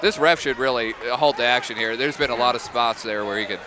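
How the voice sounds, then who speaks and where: Higher-voiced man commentating over crowd noise. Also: quick pace. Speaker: fight commentator. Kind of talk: casual live sports commentary. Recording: live event, loud crowd behind.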